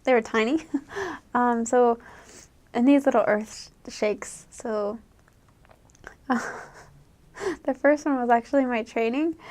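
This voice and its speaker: A young woman from the United States, back from her mission, shares chatty, casual advice in a somewhat mellow, higher-pitched voice. She often laughs while voicing the quotes she acts out.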